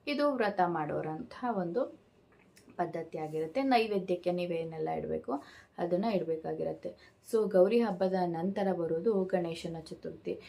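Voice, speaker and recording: A woman's voice: lowish voice, measured pace, creaky. A woman vlogger talking casually to her viewers, explaining festival rituals step by step with many "so"s and small hesitations. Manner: steady explanatory delivery with frequent "so" and hesitation sounds. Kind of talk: casual instructional talk to camera.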